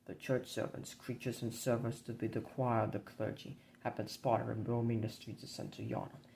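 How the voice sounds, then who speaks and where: A man narrating a dark board game campaign in a measured, grim storybook reading. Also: medium pitch, little pitch movement, creaky, a little hiss or hum, rough recording.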